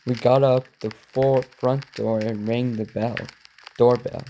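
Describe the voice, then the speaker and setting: Male reaction host; reads a story aloud haltingly, self-corrects, drops quick asides; mellow tone. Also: mid-range voice, flat delivery, a little hiss or hum.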